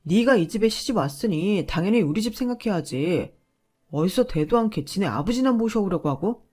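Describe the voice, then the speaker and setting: A woman's voice: mid-range voice, animated, normal speed, mellow, breathy edge, soft background music. A woman voicing a selfish young husband who argues back in a dismissive, sneering way. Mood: angry.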